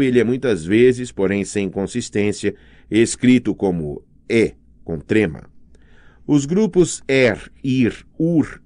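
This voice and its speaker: A man with a Brazilian Portuguese accent reading an audiobook in a careful, measured way, spelling out sounds one by one. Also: mid-range voice, a little mellow, no room sound, studio quality. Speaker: audiobook narrator. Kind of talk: scripted narration.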